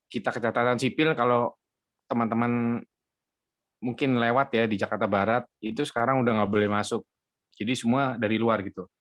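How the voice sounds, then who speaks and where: A man who runs a car dealership gives a casual faith testimony over a video call. He talks in a chatty way, pausing often on hesitant fillers. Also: mid-range voice, no echo.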